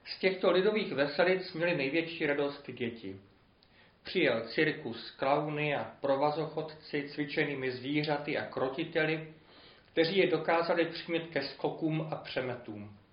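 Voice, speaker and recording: A man preaching a sermon and telling a parable in a measured, earnest way, with emphatic rises. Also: on the high side. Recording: roomy, dull lo-fi recording.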